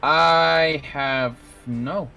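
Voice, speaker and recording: A man's voice: on the high side, very slow, sharp tone, highs cut off, soft background music. Casual swearing man at a game table. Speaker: player.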